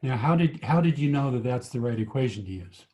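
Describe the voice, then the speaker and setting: A man's voice: medium pitch, animated, brisk, a little mellow. A man tutoring physics over a video call, patiently explaining each step and asking his students questions. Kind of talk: online tutoring lesson.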